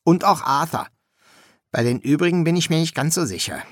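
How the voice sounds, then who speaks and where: A man's voice: a little high, expressive, brisk, no echo, studio quality, voice pushed up. A man voicing a cheerful young male assassin fresh from his final exam, breezy and chummy in manner.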